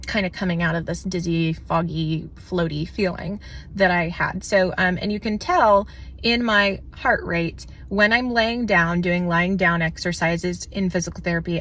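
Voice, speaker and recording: A woman talking casually to the camera in a vlog, out of breath and shaky, her words a little slow and slurred, candid and chatty with fillers. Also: fairly low pitch, fairly bright tone, a little hiss or hum. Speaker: vlogger.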